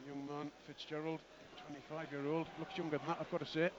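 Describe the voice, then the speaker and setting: A man's voice: on the high side, little pitch movement. Man calling rugby live over crowd noise. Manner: rapid running play-by-play with chatty asides. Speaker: play-by-play commentator. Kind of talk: live radio rugby commentary. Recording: lo-fi broadcast with outdoor crowd noise.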